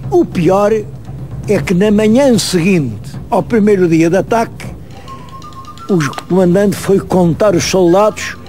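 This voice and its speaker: Animated high-voiced European Portuguese storyteller. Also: male voice. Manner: animated, vivid storyteller, addresses viewers directly. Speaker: history presenter. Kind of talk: storytelling to camera on location.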